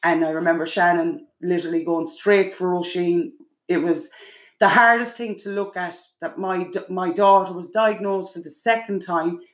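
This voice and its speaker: Irish mother telling a story, echoey room. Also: lowish voice. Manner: vivid, run-on storytelling with many quoted exchanges. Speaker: guest, the host's mother. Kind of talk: emotional storytelling in casual chat.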